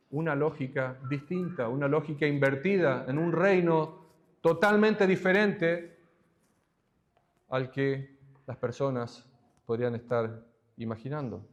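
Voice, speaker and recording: A man preaches in a church, his voice sitting high for a man. He explains scripture in a teaching style. He slows down and presses on each quoted verse. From Argentina. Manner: teaching, quoting scripture slowly with emphasis. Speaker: pastor. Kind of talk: expository sermon.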